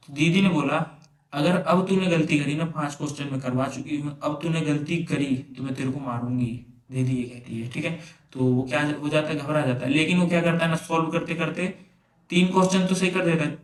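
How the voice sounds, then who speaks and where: Male tutor with a slightly high voice, teaching words through memory tricks and stories; recorded distant in a roomy space. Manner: storytelling mnemonics, frequent "है ना?" checks. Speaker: English vocabulary teacher. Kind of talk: exam-prep vocabulary lesson. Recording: echoey room, from a distance.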